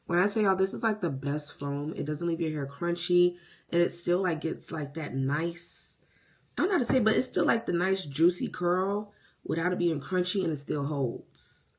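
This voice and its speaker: A mid-range voice at normal speed belongs to a beauty vlogger chatting through a hair tutorial indoors at home. She is sassy and playful, hyping herself up with slang. Background noise and clicks are clearly audible.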